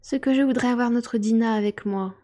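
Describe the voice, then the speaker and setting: A woman's voice: on the high side, a little fast, dark tone, close to an everyday voice. A woman voicing a polite, eager young girl in a storybook reading, earnest and apologetic.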